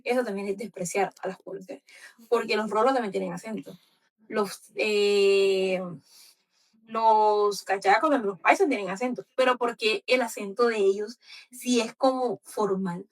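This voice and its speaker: A woman's voice: mid-range voice, fairly even intonation, measured pace, recorded from a distance, low-quality recording. A woman from the Colombian Caribbean coast with a coastal accent, hosting a book club discussion in a passionate, argumentative way. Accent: Colombian coastal Spanish. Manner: passionate, argumentative, many fillers.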